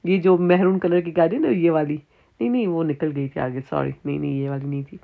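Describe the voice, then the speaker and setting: A woman's voice: low-pitched, gravelly, phone-quality sound. Chatty Sindhi-accented woman vlogger. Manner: chatty, rambling, frequent restarts and asides. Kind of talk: casual vlog narration.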